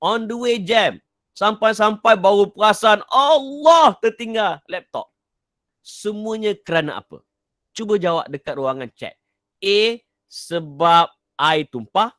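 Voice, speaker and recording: Bright, forceful man giving a motivational talk. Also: high-pitched, animated, a little slow, dry recording, studio quality. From Kelantan, Malaysia. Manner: repeats key points, quizzes listeners, reads out chat answers. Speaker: motivational speaker. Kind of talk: live online motivational talk.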